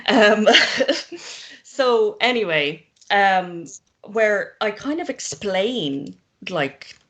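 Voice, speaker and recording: Speaking extremely slowly with big pitch swings, this Irish woman has a medium, slightly bright voice. She's a zine maker guesting on a casual video-call interview, rambling, self-deprecating, and laughing often between thoughts.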